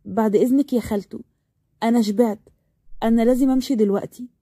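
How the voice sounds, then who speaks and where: A woman voicing a shy, gentle young woman with an Egyptian accent, speaking hesitantly. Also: fairly high pitch, steady tone, fast talker, breathy edge, no room sound, studio quality. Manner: soft, hesitant.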